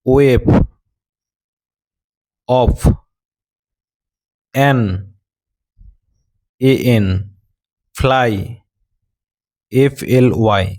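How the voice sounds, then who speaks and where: A man's voice: mid-range voice, steady tone, extremely slow, pauses often, a little mellow. A man teaching a scripted phonics lesson, spelling out words letter by letter and giving their meanings.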